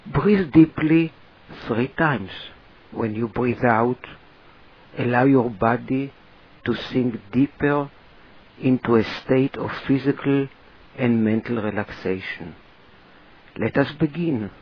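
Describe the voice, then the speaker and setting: A man guides a relaxation exercise at a very slow, deliberate pace. His voice is husky and sits at a medium pitch. He speaks in short, spaced-out instructions, and the recording sounds slightly muffled and lo-fi.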